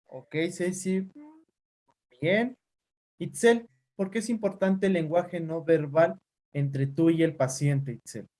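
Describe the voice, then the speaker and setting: A man's voice: a little high, slow pace, a little mellow. A man teaching a class over a video call, calling on students by name and explaining with examples. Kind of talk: online class lecture.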